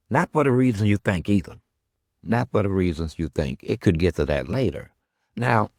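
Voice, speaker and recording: Low-voiced man delivering a needling, profane rant. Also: a little mellow, no echo, clean studio sound. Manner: sarcastic, profane, needling, repeats questions. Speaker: podcast host. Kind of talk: confrontational monologue addressed to an absent guest.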